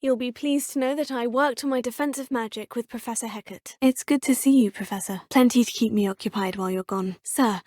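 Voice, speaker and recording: An actress voices a polite young witch, a fifth-year student and the player character, in game voice lines where she formally calls her teachers sir and professor. Her voice is a little high and a little mellow, close to everyday speech, fairly quick with few pauses. It's captured on a close studio mic with studio quality and no echo.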